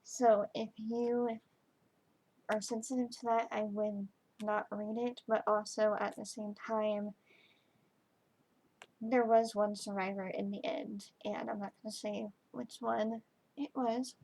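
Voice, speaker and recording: Slow-talking woman in a chatty book review. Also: medium pitch, little pitch movement, a little mellow, slight background noise, rough recording. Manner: informal, halting, trailing off mid-thought. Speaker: book reviewer, video host.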